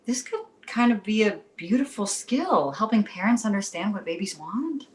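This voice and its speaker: A woman plays the weary, appeasing mother of a talking baby during an animated comedy table read in a roomy space. She speaks at medium pitch and normal speed, close to her everyday voice.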